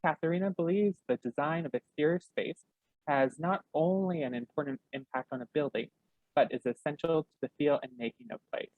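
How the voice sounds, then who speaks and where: A man's voice: on the high side, fairly quick, no echo, phone-quality sound. A man hosting an online gallery program, reading a formal, scripted introduction. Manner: scripted and formal, with a slight stumble. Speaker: public program coordinator and host. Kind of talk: read introduction.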